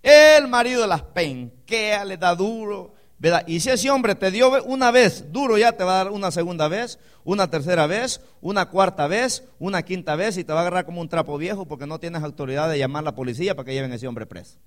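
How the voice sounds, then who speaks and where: A man preaching a sermon, calling the congregation "hermano", swinging between loud emphatic declarations and quiet, low asides. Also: brisk, few pauses. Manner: addresses the congregation as "hermano" with call-and-response questions.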